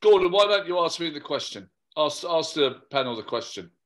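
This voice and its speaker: A man's voice: a little high, expressive, fairly quick. Man on a scratchy, breaking-up call line. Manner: keeps checking whether he can be heard. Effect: scratchy online call audio cutting in and out. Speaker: audience member joining a panel call. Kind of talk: casual remote call. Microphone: remote call microphone.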